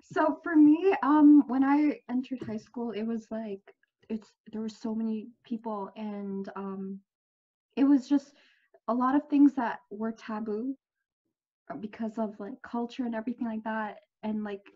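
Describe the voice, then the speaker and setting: A woman's voice: a little high, a little slow, lo-fi sound. A woman guest on a casual video-call chat, hesitant and searching for words. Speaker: podcast guest.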